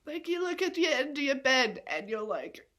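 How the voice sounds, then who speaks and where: A woman's voice: sits high, sing-song, moderate pace, fairly bright tone, a little hiss or hum. A young woman rambling in a tearful confessional vlog, swearing often and laughing at herself through tears.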